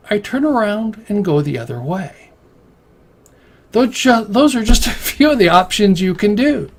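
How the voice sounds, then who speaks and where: A man narrating a scripted explanation in a measured, read-aloud way, now and then restarting a word. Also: sits high. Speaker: video creator explaining a game.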